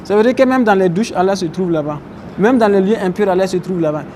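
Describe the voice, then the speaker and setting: A man's voice: high-pitched, fast talker, a little mellow, slight background noise. A man teaching a religious class, explaining Arabic terms and questioning his listeners. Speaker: Islamic teacher. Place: mosque, faint outdoor traffic behind.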